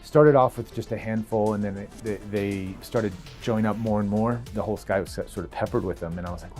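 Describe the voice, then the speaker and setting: Low-voiced man, relaxed interview. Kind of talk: casual interview talk. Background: faint music.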